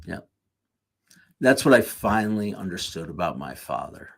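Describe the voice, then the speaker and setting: A man's voice: deep voice, big pitch swings, moderate pace, vocal fry, a bit bright, slightly rough. A man giving a conversational sermon with jokey asides, correcting himself mid-sentence as he goes. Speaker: speaker at a live church series.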